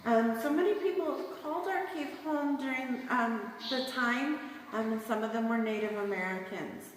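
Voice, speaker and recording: A woman's voice: fairly high pitch, moderate pace, distant mic. A woman working as a cave tour guide, explaining things informally to a group of visitors inside a large cave. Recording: very echoey cave, long reverb, background noise.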